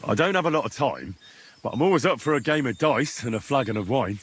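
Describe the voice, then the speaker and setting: A man's voice: medium pitch, sing-song, quick pace, husky. A man voicing a young medieval adventurer in a video game, nosy, blunt and teasing. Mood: teasing, curious. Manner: teasing, questioning. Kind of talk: video game character dialogue.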